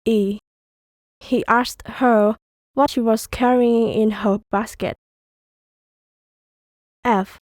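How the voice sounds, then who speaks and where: Slow, careful female reader. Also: fairly high pitch, no echo. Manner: slow, careful, even reading. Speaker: textbook audio reader. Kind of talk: scripted reading.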